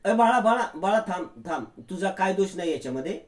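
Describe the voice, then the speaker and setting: A man playing a protective father, loud and firm yet soothing, his voice raised above his usual pitch. A roomy echo surrounds him. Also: lively intonation, quick pace. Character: protective middle-aged father, firm but tender.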